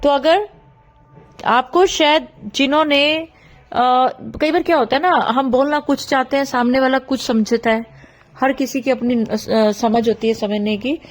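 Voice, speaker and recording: A middle-aged woman from India giving a devotional satsang talk, explaining patiently and speaking straight to her listeners. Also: a little high. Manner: explanatory, addresses listeners directly.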